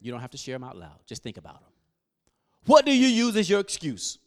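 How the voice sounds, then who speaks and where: A man preaching a sermon, quizzing his congregation and building up to loud exhortation. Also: fairly high pitch, a little fast. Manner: call-and-response with the congregation; animated, rising to loud exhortation. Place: church service.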